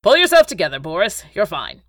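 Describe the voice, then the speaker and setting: A woman voicing a scheming, contemptuous middle-aged male baron with a measured, condescending delivery. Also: high-pitched, expressive, pushed and bright, dry recording, clean studio sound. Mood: dry.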